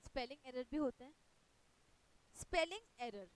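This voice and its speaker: A woman with an Indian accent and a high, animated voice teaches an online exam-prep lecture at an unhurried pace, and the audio is poor. She explains patiently in a mix of Hindi and English, checking in with "right?".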